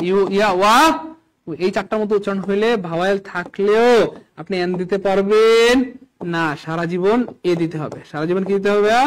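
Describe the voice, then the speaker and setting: Fast, high-voiced animated teacher. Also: male voice, poor audio. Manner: animated, keeps asking students questions; religious phrases woven into teaching. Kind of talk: live online exam-prep class.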